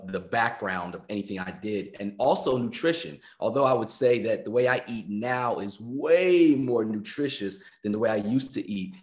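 This guest, an American personal trainer and musician of roughly fifty, has a lowish, darkish voice. Chatting informally in an interview, he talks a lot and leans on repeated phrases for emphasis.

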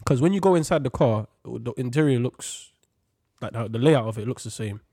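A young man hosts a casual chat in a London roadman accent. His mid-pitched voice swings up and down expressively, with slangy, emphatic, sweary delivery. The sound is dry and close. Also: expressive, fairly quick, mellow, husky, no room sound. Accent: London, urban roadman slang. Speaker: podcast host. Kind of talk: casual banter and opinion chat.

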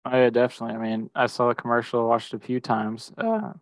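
A man hosting a casual sports podcast, talking in a measured way with lots of "um" and "I mean". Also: medium pitch, no echo. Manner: measured, even, filler-heavy. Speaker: podcast host.

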